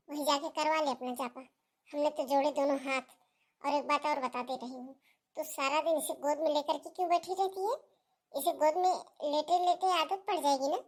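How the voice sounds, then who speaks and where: A woman's voice: high voice, close to an everyday voice. A woman playing a domineering middle-aged mother-in-law who taunts and scolds her daughter-in-law in a family melodrama. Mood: lecturing.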